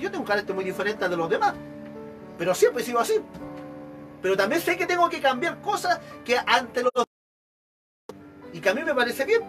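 A man with a Chilean accent preaching an evangelical sermon, acting out examples of churchgoers as he goes. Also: very high-pitched. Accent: Chilean Spanish. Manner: animated, acts out examples of church members.

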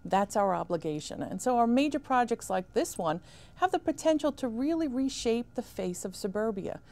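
A woman in her fifties, a town supervisor answering questions in a studio interview, speaking in a measured, emphatic way on a lapel mic. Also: a little high, lively intonation, darkish tone. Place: small studio set with armchairs.

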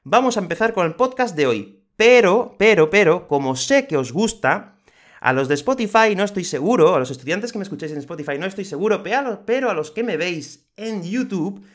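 Lively male Spanish teacher. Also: high-pitched. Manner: slow, clear delivery of examples with lively emphasis. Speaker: Spanish teacher and podcast host. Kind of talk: explaining grammar to learners. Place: home, moving to his terrace.

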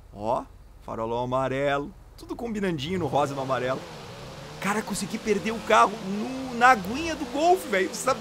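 Excitable Brazilian man commentating a game. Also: sits high. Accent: Brazilian Portuguese. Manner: excitable, jokey, sudden loud exclamations. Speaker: gameplay commentator. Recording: loud game car noise behind voice.

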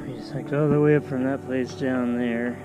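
A man of middle pitch chats casually while hiking a mountain trail, relaxed and joking with frequent laughs. He is recorded on an action camera outdoors, with loud music running underneath. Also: normal speed, rough recording. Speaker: travel vlogger. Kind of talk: casual vlog narration.

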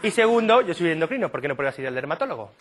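A man's voice: a little high, big pitch swings, rapid-fire, background noise. A Spanish stand-up comedian voicing a blunt, dismissive male endocrinologist in a comic anecdote. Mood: scornful. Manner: curt and dismissive.

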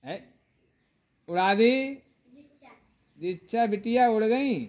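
A woman teacher leading a children's group game, calling out words loudly and often half-shouting, and teasing the players playfully. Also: medium pitch, normal speed.

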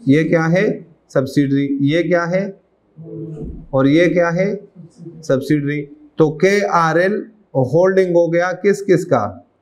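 A middle-aged accounting lecturer with a Pakistani accent gives a classroom lecture, reading English legal text aloud within his Urdu explanation and quizzing students along the way. His voice is a little high and a little mellow, and the recording is rough.

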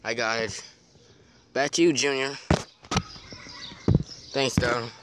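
A man's voice: mid-range voice, fairly even intonation, slow pace. A young man improvising playful, casual, slangy dialogue for plush toys, recorded outdoors on a handheld device. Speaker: puppeteer voicing plush toys. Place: grassy backyard outdoors. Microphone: handheld phone or camera close by. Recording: outdoor handheld recording with clear background noise.

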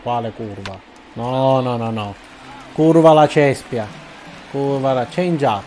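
A man's voice: medium pitch, takes it slowly, dark tone, soft background music. A man casually commentating his own baseball video game, cheering, groaning and muttering to himself as he plays. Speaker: gaming YouTuber. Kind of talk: casual let's-play commentary.

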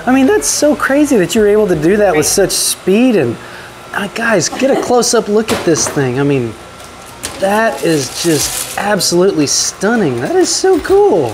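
Excitable male kids' show host. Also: high-pitched, normal speed, background noise. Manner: excitable, exclaims often, talks straight to the viewers. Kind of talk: upbeat presenting to kids. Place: indoor bakery and commercial kitchen.

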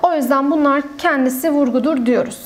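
A woman's voice: high-pitched, fairly quick. A young woman teaching an online grammar lesson, who explains step by step and asks and answers her own questions.

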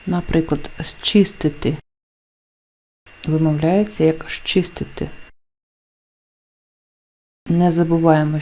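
Woman teacher, slow and deliberate, careful enunciation of examples. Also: deep voice, a little mellow. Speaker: language teacher. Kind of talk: explaining phonetics lesson.

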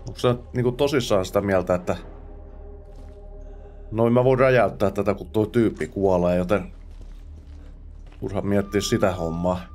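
Man muttering through a let's play, fairly low voice, casual self-talk, faint music behind. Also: steady tone, pauses often, a little mellow. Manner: chatty self-talk, mutters while playing; drops English exclamations and curses. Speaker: gamer host.

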